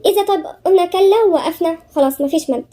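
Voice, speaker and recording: A woman with an Egyptian Arabic accent teaching tajweed. She chants verses slowly, then explains each rule quickly, step by step. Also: extremely high pitch, dark tone. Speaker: Quran recitation teacher. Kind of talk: tajweed lesson.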